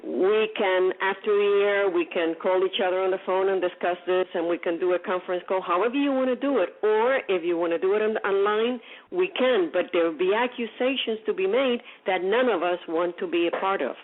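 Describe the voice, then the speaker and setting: A woman's voice: mid-range voice, fairly quick, hardly any pauses. Woman radio host, emphatic and probing, tinny narrow audio. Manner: probing, emphatic, repeats herself. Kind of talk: call-in radio talk.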